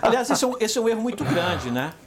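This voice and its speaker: Um homem apresentando um podcast numa conversa descontraída, que repete palavras e pergunta "você entendeu?" o tempo todo. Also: male voice, high-pitched, fast, noisy background. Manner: animated, repeats words often, checks in with "você entendeu?". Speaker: podcast co-host. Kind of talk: casual chat.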